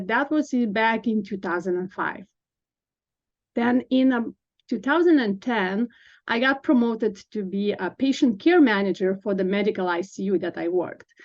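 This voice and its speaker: A woman's voice: fairly high pitch, a little mellow, highs cut off. A woman in her forties from Lithuania, a nurse practitioner guest speaking earnestly in a podcast interview, with fillers and small laughs.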